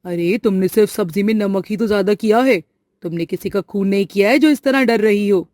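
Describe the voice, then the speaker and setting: Woman doing a calm, caring young husband. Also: mid-range voice, a little fast, no echo, studio quality, lightly acted. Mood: soothing. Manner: soothing, reassuring. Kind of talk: storybook voice acting.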